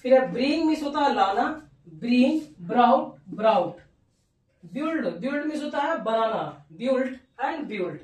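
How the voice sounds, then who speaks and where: Woman, English grammar lesson in Hindi, high voice, spells words and repeats verb forms, rhetorical check-in questions, echoey room, off-mic. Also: expressive, a little slow, darkish tone, far from the mic. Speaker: English teacher.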